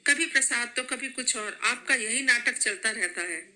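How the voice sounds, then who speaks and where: A woman storyteller voicing an angry young wife and mother who shouts and accuses. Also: a little high, moderate pace.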